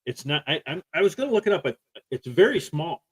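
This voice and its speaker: A man co-hosting a live-stream podcast, talking forcefully with restarts and repeated points. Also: fairly high pitch, big pitch swings, fast, breathy edge. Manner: forceful, repetitive, stop-start. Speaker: podcast co-host. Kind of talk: casual live-stream talk.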